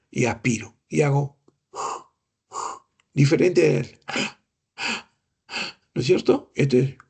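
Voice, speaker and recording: A middle-aged man lectures on clinical examination with patient explanations, rhetorical questions and imitated breath sounds. His voice is rough, gravelly and husky, pitched a little high. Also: a little mellow. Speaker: medical lecturer.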